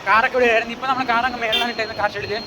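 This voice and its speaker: A man's voice: very high-pitched, flat delivery, rapid-fire, a crowd in the background. A young man in casual vlog chat, mixing English into Malayalam and often addressing the viewers directly. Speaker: friend on the trip. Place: outdoors and on the road. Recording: noisy outdoor phone audio, vehicle sounds.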